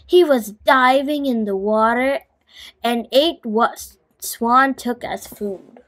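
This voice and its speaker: Addressing young listeners as host, a woman reads a children's bedtime story aloud with deliberate expression. Her voice sits a little high.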